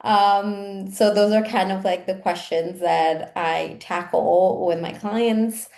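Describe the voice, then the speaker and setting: A woman's voice: mid-range voice, fairly even intonation, slow, vocal fry, a little mellow. A woman from Italy, a coach chatting casually as an interview guest and peppering her talk with "like". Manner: chatty, frequent "like" fillers. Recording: roomy echo.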